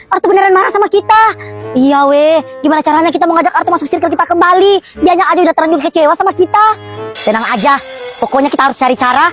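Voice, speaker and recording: Casting: woman, very high voice, sassy and taunting dub-skit delivery, clear music bed. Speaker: voice actor dubbing a clique drama skit. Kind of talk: dubbed comedy drama skit. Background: background music.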